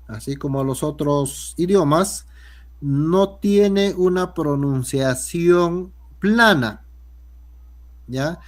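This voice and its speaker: A man's voice: fairly high pitch, darkish tone. A man, teaching a language class. He explains a grading rubric and keeps checking in with his students. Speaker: Quechua teacher.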